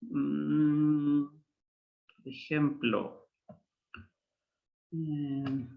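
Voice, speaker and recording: Male Hebrew teacher with a slightly high voice, patient and slow, explaining grammar. Dull lo-fi class recording. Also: fairly even intonation, gravelly. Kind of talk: online language class.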